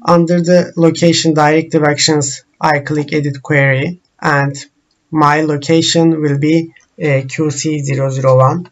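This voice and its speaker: A software trainer whose first language is Turkish walks through software screens in a slow, halting tutorial packed with pauses and fillers. His voice is a little high with a level tone, and the highs are cut off.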